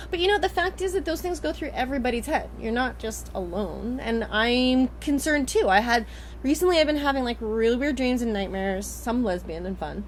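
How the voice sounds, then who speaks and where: A woman co-hosting a casual chat, rambling and lively, often laughing as she talks. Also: on the high side, a little hiss or hum. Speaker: co-host.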